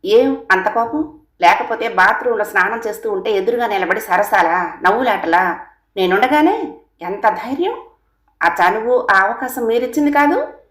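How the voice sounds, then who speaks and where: A woman voicing a suspicious young housewife who scolds her husband in a sharp, accusing way. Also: mid-range voice, quick pace, natural voice. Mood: angry. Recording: roomy echo.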